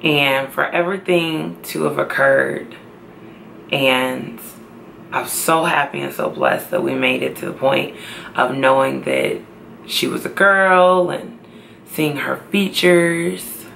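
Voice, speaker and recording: A tired young woman talking slowly and tearfully to camera in a personal vlog, trying to stay upbeat. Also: a bass voice, lively intonation, vocal fry, fairly bright tone, slight background noise. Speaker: pregnancy vlogger.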